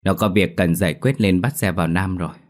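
A stern old grandmother in a storybook ghost tale, as a male narrator voices her. She speaks firmly and readily turns to scolding. Her voice stays low and plain. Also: brisk, lightly acted. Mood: calm. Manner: scolding, firm.

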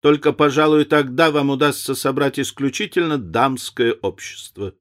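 A man voicing a witty, cynical aristocratic gentleman who drawls out epigrams. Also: medium pitch, moderate pace, pitched above the performer's own voice, close to an everyday voice. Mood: wry.

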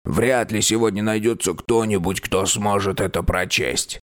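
A man voicing a dead, mummified old king who is cheerful and curious, speaking slowly and drawing out his words in an audiobook reading. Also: on the low side, a bit bright, lightly acted.

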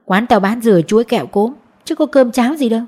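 A woman's voice: fairly high pitch, fast talker, a little mellow, close to an everyday voice. A woman voicing a blunt old village shopkeeper. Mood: gruff. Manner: blunt, scolding questions. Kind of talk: audiobook character voice.

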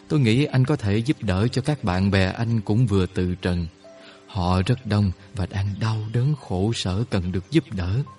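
A man voicing a calm, wise older male healer who explains things slowly and gently. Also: on the low side, lightly acted. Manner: slow, gentle, instructive.

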